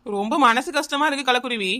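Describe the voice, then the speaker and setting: A woman's voice: fairly high pitch, fairly quick, pushed and bright, dry recording, studio quality. A woman voicing a heartbroken young village woman in a cartoon, with a Kanyakumari Tamil accent. She complains in a tearful, whining way. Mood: sulky. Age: young adult.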